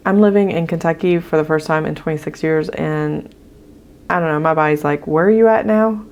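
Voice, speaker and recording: A channel host chats casually as she works through her budget sheets, talking while she writes and filling her pauses with frequent ums. Her voice is low, hoarse, and gravelly, with a darkish tone.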